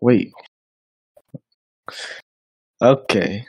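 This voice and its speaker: A man keeps a casual podcast chat moving with short prompts and questions. His voice sits at an average pitch and plain tone. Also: extremely slow, breathy edge. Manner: short prompts, steers the talk along. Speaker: podcast co-host.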